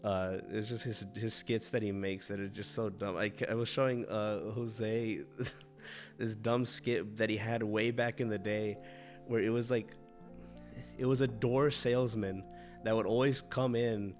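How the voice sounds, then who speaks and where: A man's voice: on the low side, fairly even intonation, unhurried, faint music behind. A young man chatting as a guest on a livestream from home, laid-back, laughing often and swearing casually.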